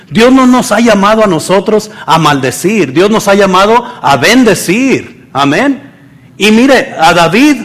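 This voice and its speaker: A man preaching a sermon, swinging between loud emphasis and soft asides and acting out the people he quotes. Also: sits high.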